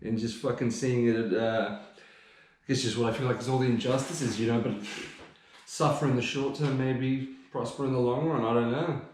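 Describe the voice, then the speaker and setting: A man's voice: mid-range voice, fairly even intonation, moderate pace, a little mellow, slight background noise. Laid-back swearing guy, echoey room. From Australia. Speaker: podcast co-host. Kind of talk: casual chat.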